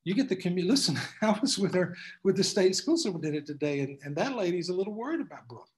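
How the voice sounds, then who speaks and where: A man's voice: high voice, big pitch swings, fast talker, darkish tone. Folksy man with a raised voice. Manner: folksy, emphatic storytelling. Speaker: class speaker. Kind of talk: answering questions in a class.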